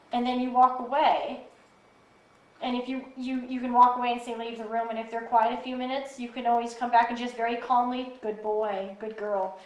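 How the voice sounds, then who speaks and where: Calm, practical woman instructor, echoey room. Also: fairly high pitch. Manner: calm, practical, patient explaining. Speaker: guide dog instructor. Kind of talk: explanatory casual interview answers. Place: instructor's office.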